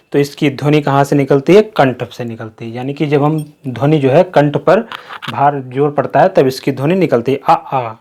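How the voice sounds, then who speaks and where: A man teaching Hindi grammar in a slow, repetitive way, asking questions and then answering them himself. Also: on the high side, darkish tone. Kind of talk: classroom-style lesson.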